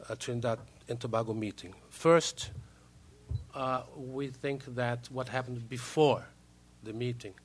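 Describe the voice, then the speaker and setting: A man's voice: mid-range voice, unhurried, breathy edge. A Brazilian man, a native Portuguese speaker, giving formal remarks as a diplomat in broken English, hesitating often and repeating words.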